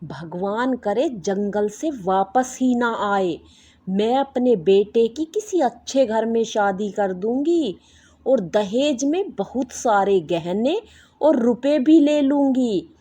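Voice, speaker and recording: A harsh, scheming mother-in-law from a storybook, voiced by a woman. She talks down to people and gives orders at an unhurried pace. Her pitch rises and falls a lot. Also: expressive, mellow, breathy edge, exaggerated voice. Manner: scolding, commanding. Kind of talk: storybook voice acting.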